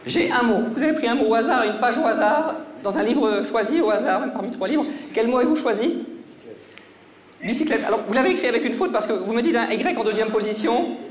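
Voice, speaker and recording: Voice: medium pitch, lively intonation, fairly quick. A stage mentalist comedian running a mind-reading routine with audience volunteers, in mock-serious teasing patter that often stumbles and restarts. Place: stage before a live audience. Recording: echoey hall with faint crowd.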